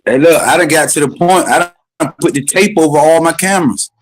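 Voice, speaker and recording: A man's voice: fairly high pitch, a little fast, poor audio. A man on a casual podcast in a paranoid conspiracy rant, swearing, using slang and repeating himself for emphasis. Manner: profane, slangy, emphatic repetition. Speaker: podcast co-host.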